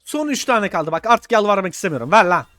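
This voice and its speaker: A young man commenting on his own gameplay, pleading with the game and swinging between low muttering and loud shouts. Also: sing-song, quick pace, no room sound, soft background music. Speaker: gaming YouTuber.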